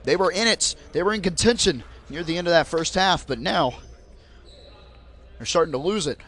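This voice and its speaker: A young man calling basketball play by play in a rapid, auctioneer-like patter that rises on big plays. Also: fairly high pitch, lively intonation, a bit bright. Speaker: play-by-play commentator.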